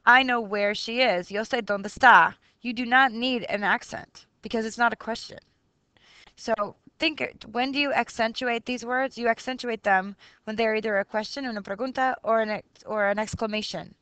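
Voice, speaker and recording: A woman's voice: on the high side, moderate pace, fairly bright tone, smooth, dry recording. A woman teaching a recorded lesson to her students. She switches between Spanish and English and keeps checking in with "ok?".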